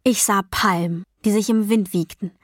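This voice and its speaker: A woman reading a first-person novel as an audiobook, in a calm, even storytelling voice with quiet dialogue voices. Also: medium pitch, normal speed, dry recording, clean studio sound. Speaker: audiobook narrator. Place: dry recording booth. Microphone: close studio mic.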